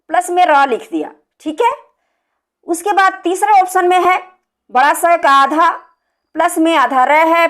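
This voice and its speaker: A woman with a high voice teaches an exam-prep Hindi grammar lesson. She goes through each answer option step by step. She keeps circling back to the key terms and checking in with the class. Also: fairly bright tone. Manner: explains step by step, repeats key terms with frequent "ठीक है".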